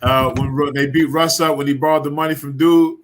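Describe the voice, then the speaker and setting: Higher-voiced man joking on a live panel. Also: flat delivery, normal speed, a loud crowd. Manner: jokey, laid-back banter. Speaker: co-host on a live roundtable show. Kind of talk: casual livestream banter.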